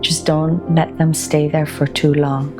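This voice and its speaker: A woman in her forties from Belgium, a wellbeing practitioner speaking slowly and gently in a reflective documentary voice-over, with pauses between thoughts. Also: sits low, level tone. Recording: voice-over with music underneath. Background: music.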